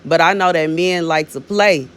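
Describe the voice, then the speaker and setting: Her voice lowish and her pace moderate, a woman in her thirties offers viewers a casual, meandering spiritual talk with prophetic words. She leans on "you know what I'm saying" as filler and keeps calling them "baby."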